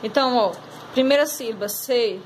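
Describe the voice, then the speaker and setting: A woman's voice: on the high side, moderate pace, slight background noise, low-quality recording. A woman teacher going over a class exercise, patiently explaining step by step and drawing out words. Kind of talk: recorded class lesson correcting exercises.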